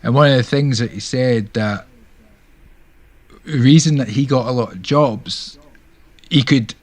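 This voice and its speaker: A man's voice: medium pitch, a little slow, a little mellow. A man hosting a music stream, chatting casually and rambling a little with restarts. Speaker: stream host. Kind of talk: casual chat.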